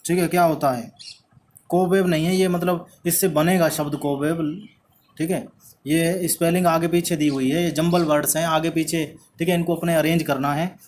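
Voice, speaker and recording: A male teacher with an Indian accent explaining an English textbook lesson in Hindi and English, slowly spelling out words and repeating himself. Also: a little high, a little mellow, slight background noise. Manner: slow, spells words letter by letter; repeats "ठीक है" after each point.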